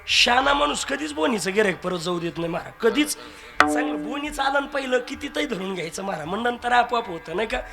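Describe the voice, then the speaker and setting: A man's voice: very high voice, lively intonation, fairly quick, creaky, over music. A man preaching a devotional kirtan, telling stories with humor, acting out dialogue and asking the crowd for agreement. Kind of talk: devotional kirtan sermon with storytelling.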